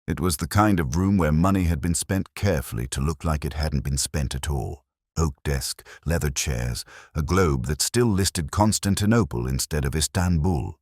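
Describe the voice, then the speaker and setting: This first-person detective audiobook features a man's rumbling, low, slightly mellow voice at a moderate pace, recorded dry. Playing a tough assistant to a detective, he tells the mystery in a wry, probing, wisecracking way.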